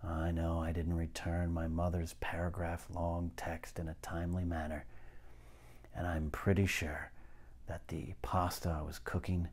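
A man with a very low voice gives a soft-spoken, half-whispered pep talk. He sounds husky and breathy, delivering mock-soothing affirmations to camera with a deadpan touch. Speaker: host of a comic motivational show. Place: living room.

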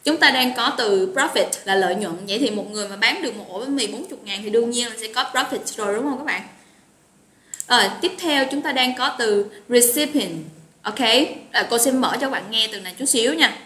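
With a fairly high, sharp voice and a slightly fast delivery, a woman with a Southern Vietnamese accent leads a live online English vocabulary lesson. She's chatty and encouraging, naming students as she goes, amid roomy echo and faint noise.

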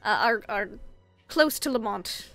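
A woman's voice: mid-range voice, expressive, a little slow, fairly bright tone, soft background music. A woman chatting casually as a player in an improvised tabletop game on a video call.

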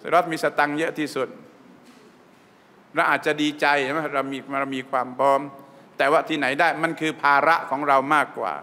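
Male religious teacher, bright and fairly high voice, lively sermon style, long hall reverb. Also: brisk. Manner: lively, asks the audience questions often. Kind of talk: Islamic sermon storytelling. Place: mosque training hall.

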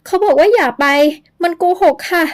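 A woman voicing a frightened young woman in an audio novel, pleading in a high, fearful voice. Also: normal speed.

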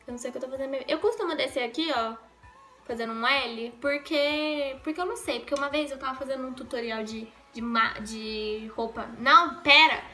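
This young Brazilian woman does her makeup in her bedroom for a laid-back get-ready-with-me vlog, full of jokes, tangents and self-corrections. Her high voice keeps a steady tone and is a bit bright, moving fairly quickly over soft music.

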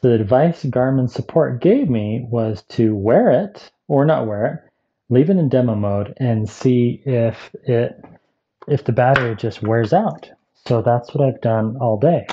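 A man's voice: medium pitch, warm tone, dull audio, slight background noise. A man chatting casually through a gadget review vlog, rambling with asides as he tries out devices.

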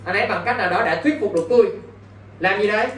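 High-pitched and fairly bright in tone, this male English teacher talks very fast through an exam-prep lesson, quizzing students constantly and asking "got it?" Faint background noise sits under a roomy, distant-mic recording.

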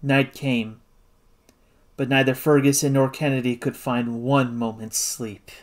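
A narrator reading a classic novel aloud in an expressive style. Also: medium pitch, a little slow. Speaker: audiobook narrator. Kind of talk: scripted audiobook narration.

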